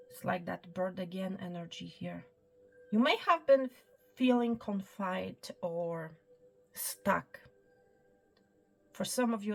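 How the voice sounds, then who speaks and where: A woman giving a spiritual reading in a soft, reassuring way, often dropping to a whisper and checking in with the listener. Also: fairly low pitch, vocal fry. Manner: soft, reassuring, repeats "okay" and "my friend"; drops to a whisper at times. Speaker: psychic reader. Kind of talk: tarot-style spiritual reading to camera. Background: soft background music.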